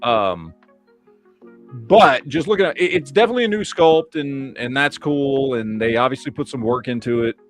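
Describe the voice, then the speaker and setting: A man hosting a casual live stream chat, talking in an animated way with lots of "you know what I mean.". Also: medium pitch, moderate pace. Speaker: show host. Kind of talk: casual chat about toys and films. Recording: live stream with faint background music.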